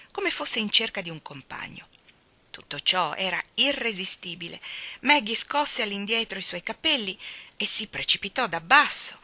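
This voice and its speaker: Bright-voiced woman reading a novel. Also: on the low side. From Italy. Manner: expressive, measured reading with soft laughs. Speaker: reader. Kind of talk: audiobook narration of a classic novel.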